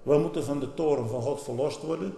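A man preaching a fiery sermon, dropping to low murmurs and then bursting out loudly. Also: fairly quick, creaky. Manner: fiery, swings from low murmurs to loud outbursts. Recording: echoey hall, reverberant.

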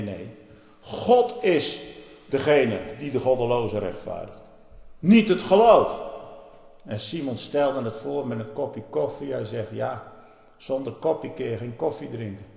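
A man preaching a fiery sermon, dropping to low murmurs and then bursting out loudly. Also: lively intonation, measured pace, gravelly. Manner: fiery, swings from low murmurs to loud outbursts. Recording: echoey hall, reverberant.

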